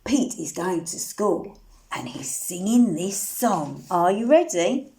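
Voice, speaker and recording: With a voice on the low side and a slow pace, a woman reads a picture book aloud to young children. She uses an animated, sing-song delivery, asks the listeners questions, and sings the refrains.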